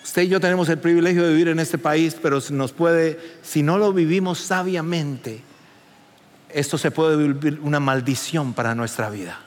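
A man preaching a sermon as pastor, animated and rising to near shouts. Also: a little high, normal speed, big-room sound.

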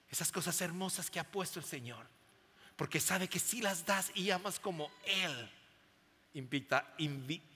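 A man's voice: a little high, sharp tone. A man preaching a sermon to a congregation, emphatic and full of questions to the crowd. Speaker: pastor. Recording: long hall reverb.

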